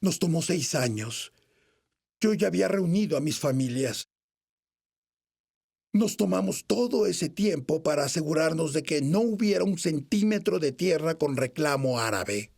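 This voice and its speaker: A man recounting his work in an interview. His voice is slightly high, with a noticeable gravelly rasp and a husky, breathy texture. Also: lively intonation, a little slow, darkish tone. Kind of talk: interview answers.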